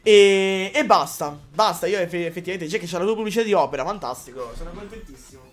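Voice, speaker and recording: A man from Calabria, a live streamer reading chat in a rambling, excitable way with crude jokes. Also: high-pitched, fast talker. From Calabria, Italy.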